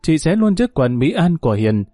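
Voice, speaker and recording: Man, audiobook story narrator, dramatic, expressive, lively pitch, mellow tone, dry close recording. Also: moderate pace, no echo.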